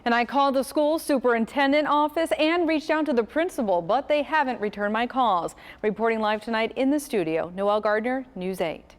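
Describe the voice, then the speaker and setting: Woman, news reporter, formal steady delivery, higher voice, reverberant studio. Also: fairly quick, few pauses.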